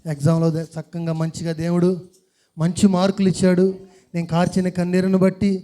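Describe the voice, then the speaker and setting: A man's voice: high-pitched, monotone, brisk, dark tone, a little hiss or hum. A man performing a comic skit as a student, pleading melodramatically in a mock prayer and repeating the same prayer words over and over. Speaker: comedian.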